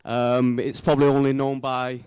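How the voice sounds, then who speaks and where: A man's voice: medium pitch, level tone, moderate pace, darkish tone, smooth, no room sound, studio quality. A man giving an informal, heartfelt wedding speech as the groom's brother, speaking sincerely and a little hesitantly.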